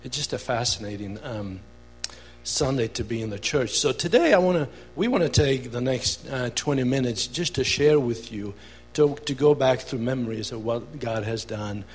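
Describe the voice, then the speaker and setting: An Albanian-accented man shares his testimony before a congregation, earnest and a little halting. His voice is slightly husky, and a long hall reverb carries it, with faint music underneath. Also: medium pitch. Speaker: guest speaker. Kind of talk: church testimony.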